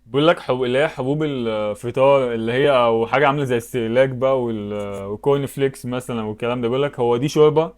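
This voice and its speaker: A man's voice: mid-range voice, racing, hardly any pauses, a little mellow. A man with an Egyptian Arabic accent giving casual commentary while playing web games, thinking aloud and breaking into sudden exclamations. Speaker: YouTuber.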